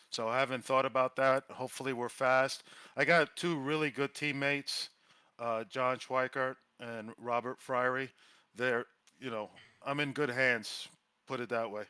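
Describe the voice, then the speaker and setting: A man's voice: mid-range voice, pushed and bright, smooth, no room sound. A man giving a post-race interview after winning, rambling and correcting himself as he goes. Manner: rambling, self-correcting, laughs between thoughts. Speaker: race winner, sim racer.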